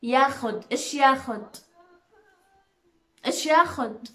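A young adult woman chats casually in a guessing game, loudly repeating words back. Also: high voice, a little slow. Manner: loud, repeating words back while wearing headphones. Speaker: player in a word-guessing challenge. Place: small plain room indoors, seated in an armchair.

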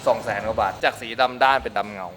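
A man's voice: medium pitch, fast talker, a bit bright, a little hiss or hum. A man vlogging a casual car walkaround, chatty and joking, dropping English car terms into his talk.

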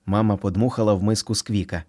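A man narrating a children's storybook in an expressive, playful reading. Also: lowish voice, quick pace.

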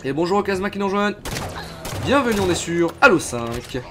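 Lively-voiced man streaming a game. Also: sits high, fairly quick, background noise. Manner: chatty, reacts loudly. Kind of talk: live gameplay commentary.

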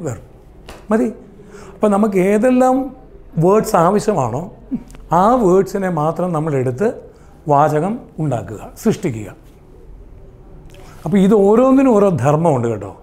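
A man's voice: sits high, a little mellow. A man with a Malayali accent teaching English grammar, asking the class questions and then answering them himself. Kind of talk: explaining grammar in a lesson.

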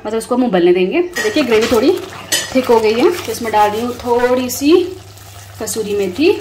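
A slightly high, fairly quick woman's voice narrates a home cooking video. She's in her thirties, speaks with an Indian accent and drops in English words conversationally, with clear sizzling noise in the background.

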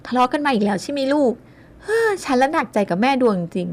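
A woman's voice: a little high, animated, quick pace, pitched above the performer's own voice. A woman voicing a worried older mother and grandmother who sighs over her daughter. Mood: fretful. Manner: sighing, fretful.

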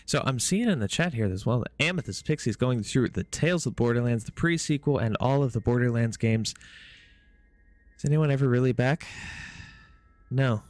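A man's voice: medium pitch, animated, fairly quick, few pauses, no room sound. A man chatting casually on a gaming live stream, rambling with frequent fillers and restarts.

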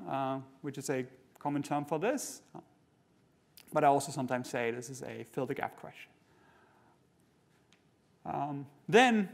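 A middle-aged man giving a keynote lecture on a large conference stage, explaining things in a measured way with fillers and restarts. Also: on the high side. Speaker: keynote speaker.

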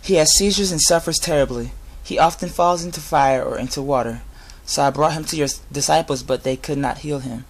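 A young adult man giving an informal sermon with Bible readings, speaking earnestly and a little haltingly. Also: on the high side, a little hiss or hum, poor audio. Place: inside a garage. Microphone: device camera at close range.

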